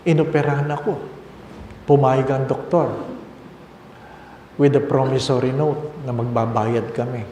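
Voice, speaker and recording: A man's voice: medium pitch, level tone, measured pace, pauses often, mellow, slight background noise. An older man, a Filipino priest in his sixties with a Filipino accent, preaching a personal testimony and repeating phrases for emphasis. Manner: switches between Tagalog and English, repeats phrases for emphasis. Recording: echoey hall with long reverb.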